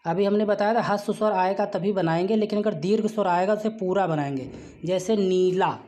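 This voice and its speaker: A shorthand teacher giving a patient spoken lesson, with frequent "uh" fillers. The teacher slows down to spell example words out syllable by syllable. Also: medium pitch, mellow. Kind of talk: spoken classroom-style lesson.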